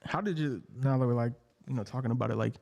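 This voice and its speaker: Man, dark mellow voice, podcast co-host, rambling filler-heavy questions. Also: medium pitch, fast talker, creaky. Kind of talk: casual podcast chat.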